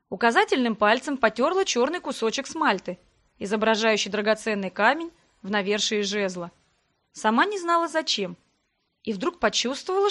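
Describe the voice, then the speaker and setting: A woman narrates a fantasy audiobook in the first person. Her reading is lively and expressive, in a fairly high voice.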